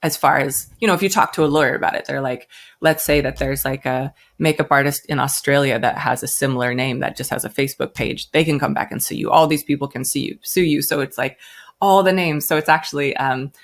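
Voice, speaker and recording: With a rumbling low voice, a little on the fast side, an American woman who founded a brand tells her story casually in an interview. She's talkative and brings quoted people to life by acting out their voices.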